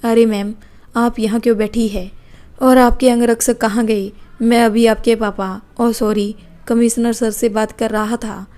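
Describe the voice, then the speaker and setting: A woman's voice: fairly high pitch, flat delivery, unhurried, mellow, close to an everyday voice. A woman voicing a playful young man who teases and jokes nonstop in a storybook tale. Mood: mock formal. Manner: cheeky, joking banter.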